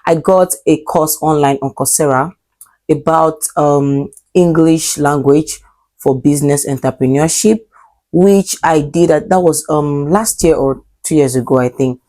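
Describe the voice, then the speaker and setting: Speaking to her camera in a loose, rambling vlog, this Nigerian-accented English teacher in her twenties uses fillers and corrects herself as she goes. Her voice is low and dark in tone, pacing a little slow.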